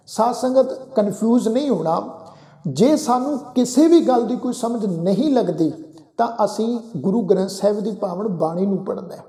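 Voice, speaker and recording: A man teaching how to pronounce scripture, explaining words and then reciting verses in a slow chant. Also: sits high, mellow. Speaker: Gurbani teacher. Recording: echoey room with long reverb.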